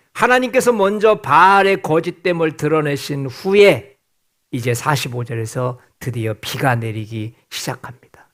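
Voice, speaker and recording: Male pastor preaching in church, a bit high voice, throws questions at the crowd and answers them himself, slows way down on the big words. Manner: asks the congregation questions and answers them, drawing out key words slowly. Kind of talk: sermon. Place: church sanctuary.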